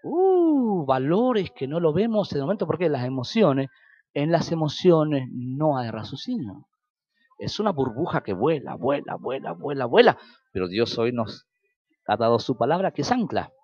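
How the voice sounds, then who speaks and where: A man's voice: on the high side, sing-song, moderate pace, a little mellow, slightly rough, no echo, highs cut off. A man with an Argentine Spanish accent preaching a sermon as pastor, telling stories and acting out quoted dialogue with sudden rises and drops.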